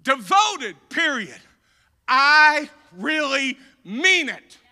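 A male pastor preaching a sermon in a very high, bright, cutting voice. He speaks slowly and deliberately, leaning on repeated phrases. He swings between shouted emphasis and hushed asides. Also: sing-song.

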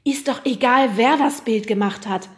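A woman reading an audiobook, voicing a grumpy, agitated boy who talks loudly and sounds exasperated. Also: mid-range voice, brisk, voice pushed up, lightly acted. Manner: loud, exasperated.

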